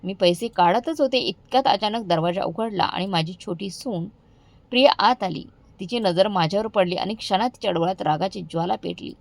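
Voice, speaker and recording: A woman's voice: mid-range voice, a little mellow, no echo, low-quality recording. A woman storyteller narrating an emotional first-person story, heartfelt in manner.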